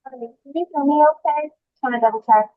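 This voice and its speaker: A woman's voice: high voice, a little fast, narrow, tinny audio. A woman on a video call, checking whether she can be heard, with a hollow, distant sound like talking from the bottom of a well. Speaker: project presenter. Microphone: old computer's built-in mic.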